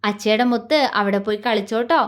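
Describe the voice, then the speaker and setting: A woman's voice: a little high, fast talker, close to an everyday voice. A woman storyteller voicing a young doctor and father who teases playfully and mocks with scorn. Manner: playful baby talk turning to scornful taunts. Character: teasing, mocking young man, a doctor and father.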